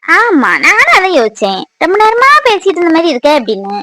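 A woman voicing a curious female relative in a cartoon, musing and gossiping in low asides about the family quarrel. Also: sing-song, a little fast, noisy background. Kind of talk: cartoon voice acting.

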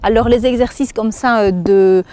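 On the high side but dark in tone, her voice moves at a moderate pace. This fitness instructor, a woman in her thirties with a Belgian French accent, talks through an exercise demonstration, counting and breathing through the moves.

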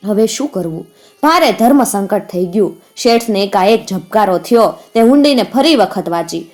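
A woman with a Kathiyawadi Gujarati accent narrating a folk tale in a steady, vivid manner. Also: mid-range voice.

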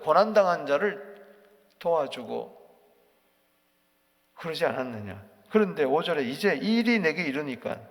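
A male pastor preaching an early-morning sermon, leaping between mocking voices and near whispers. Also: fairly high pitch. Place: church sanctuary. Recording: reverberant church sanctuary.

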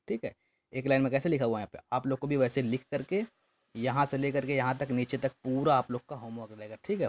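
A man's voice: mid-range voice, darkish tone. Patient man teaching kids phonics. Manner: patient, repetitive, spells out each word slowly. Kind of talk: slow, syllable-by-syllable phonics lesson for small children.

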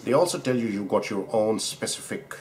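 Speaking a little fast in a voice on the low side, a doctor from Pakistan unboxes a razor at his desk indoors while an overhead camera films. His chat is casual, rambling, and full of self-corrections as he admires the parts, with a little hiss or hum behind him.

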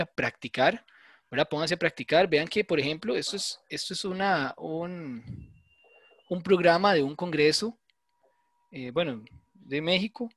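A man teaches a university class in a relaxed, conversational way, often pausing to check that students follow. His voice sits fairly high for a man. The sound is dry and close, with no room echo. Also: slightly rough. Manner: conversational, explains with frequent "¿verdad?" checks. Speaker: university lecturer. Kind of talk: online class lecture.

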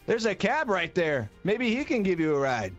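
A man role-playing in a game with a jittery, restless delivery. His high voice jumps around a lot, and the recording is muffled and lo-fi. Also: big pitch swings, moderate pace, soft background music. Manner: jittery, tacks 'man' onto everything. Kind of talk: game role-play in character.

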